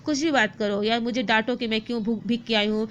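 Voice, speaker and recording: A woman's voice: on the high side, fairly even intonation, a little fast, fairly bright tone, muffled recording, slight background noise, lightly acted. A woman teacher voicing a worried widowed mother who talks wearily and sadly. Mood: weary. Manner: weary, sorrowful.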